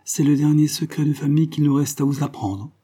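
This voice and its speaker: A man reading the part of a stern, authoritative old soldier in a measured, solemn manner. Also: on the high side, mellow, breathy edge, voice pushed up.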